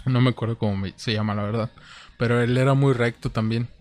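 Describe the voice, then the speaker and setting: A Mexican man in his thirties tells school stories in a relaxed podcast chat, laughing often. He acts out the voices of the people in his stories. His pitch sits in an ordinary middle range. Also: quick pace. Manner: laughing anecdote-telling, acting out quotes.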